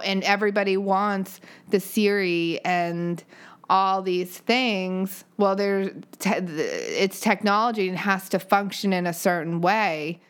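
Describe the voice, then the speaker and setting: A woman with a low voice co-hosts a casual podcast. She talks bluntly and quickly and swears freely. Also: smooth. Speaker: podcast co-host.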